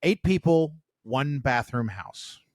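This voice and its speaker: A man's voice: medium pitch, slow, no room sound. A man co-hosting a casual podcast, reading posts aloud and rambling between laughs. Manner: rambling, laughs often, lively storyteller. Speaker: podcast co-host.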